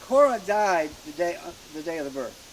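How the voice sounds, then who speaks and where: A middle-aged man telling family history to a gathered group outdoors at a rural graveside, in a hesitant, halting way with many fillers and restarts. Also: fairly high pitch, big pitch swings, slight background noise, rough recording. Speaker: family historian speaking at a family reunion. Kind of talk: informal storytelling speech to a gathered group.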